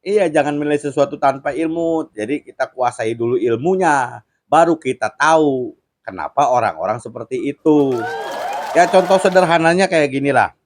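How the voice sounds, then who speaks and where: A man's voice: fairly high pitch, expressive, moderate pace, some chatter behind. A man hosting a casual commentary chat, explaining points patiently and laughing at his own jokes. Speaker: host.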